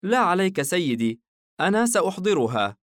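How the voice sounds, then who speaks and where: A man's voice: sits high, big pitch swings, moderate pace, a bit bright, no room sound, studio quality, voice pushed up. A man voicing a small, shy and polite young woman who helps in a shop, timid and anxious.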